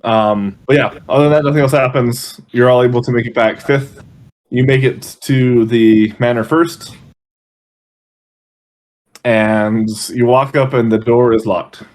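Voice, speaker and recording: A man running a tabletop role-playing session as game master. His voice sits at a middle pitch, and he narrates in halting bursts, often stopping to correct himself. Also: fairly even intonation, darkish tone.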